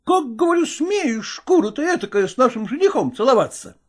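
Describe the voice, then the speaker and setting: A woman reads from a storybook in a high, sing-song voice at a fairly quick clip, playing a sly, servile male lackey. The character fawns and gossips throughout.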